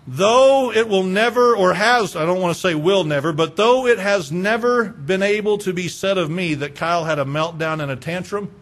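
A man pastor preaching a sermon, asking the listeners rhetorical questions and repeating words as he builds each point, moving between hushed lines and raised ones. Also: high voice, moderate pace, hardly any pauses.

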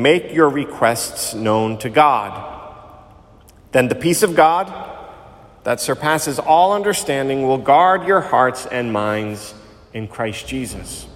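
A priest's voice rolls through a cathedral echo, with a long reverb trailing each phrase. He is a man of middle pitch, reading the Gospel and then preaching in a measured, unhurried delivery. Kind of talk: Gospel reading and homily at Mass. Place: large church.

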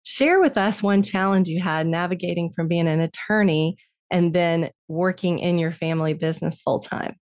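A woman's voice: fairly low pitch, moderate pace, a little mellow, dry recording, clean studio sound. A woman in her fifties co-hosting an interview podcast, enthusiastic and effusive. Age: 50s. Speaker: podcast co-host.

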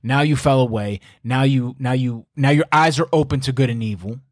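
A man's voice: mid-range voice, a little fast, no echo, studio quality. A man hosting a podcast who talks through scripture in a casual, rambling way, with many restarts and asides. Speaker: podcast host teaching scripture. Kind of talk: casual Bible study talk.

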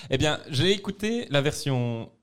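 A man hosts a loose, joking conversation. His voice jumps around in pitch as he teases his guests. He breaks into laughter often. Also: lively intonation, a little slow, clear, resonant tone. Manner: laughs often, playful teasing. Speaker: podcast host. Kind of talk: casual chat.

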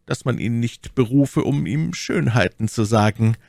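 A man's voice: medium pitch, a little slow, vocal fry, darkish tone, dry recording, studio quality, pitched above the performer's own voice. A man reading Aramis, a sly musketeer poet. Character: witty male musketeer poet, sly and elegant.

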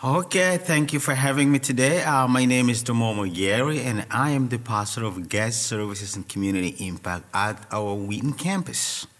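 A man from South Sudan, a pastor, introducing himself politely and in a measured way. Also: mid-range voice, a bit bright. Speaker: pastor of guest services. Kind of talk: casual interview chat. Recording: reverberant room sound.

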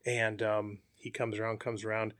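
A man telling a hunting story as an interview guest, relaxed and chatty with frequent fillers. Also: fairly low pitch, normal speed, dry recording, studio quality. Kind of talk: casual storytelling.

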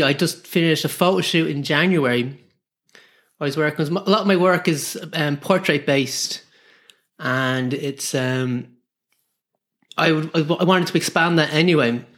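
An Irish man in a casual interview as a guest artist, explaining his work in a halting, repetitive way. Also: a little high, fairly bright tone. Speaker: guest artist and screen printer.

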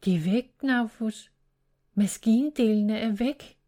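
A woman's voice: fairly high pitch, dark tone, pitched above the performer's own voice, lightly acted. A woman reading the part of an earnest young girl in a storybook tale, speaking urgently. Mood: insistent.

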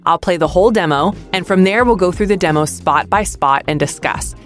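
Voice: medium pitch, fairly quick, fairly bright tone, soft background music. A podcast host giving friendly, constructive feedback on voice demos, with casual fillers. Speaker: podcast host, demo reviewer. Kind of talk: instructional podcast critique.

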